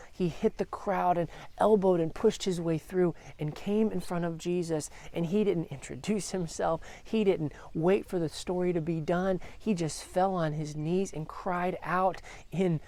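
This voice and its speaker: A woman's voice: on the low side, warm tone. A woman telling a Bible story as a devotional, earnest, acting out the quotes as she goes. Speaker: devotional speaker.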